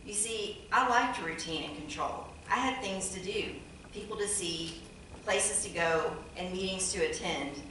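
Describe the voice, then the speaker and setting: A woman's voice: medium pitch, unhurried, pushed and bright, slight background noise. A woman speaker at a patient support event, reading her prepared personal story in an earnest, candid way with wry asides. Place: event hall. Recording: very echoey hall, mic far off.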